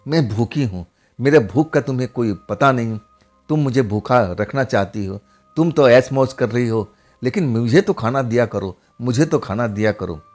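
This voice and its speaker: A starving old ghost woman , put on by a male narrator, wails and complains, saying things twice. The pitch stays at an ordinary middle level. Faint music runs underneath. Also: normal speed, a little mellow, lightly acted. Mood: wailing. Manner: shrill, complaining, repeating herself.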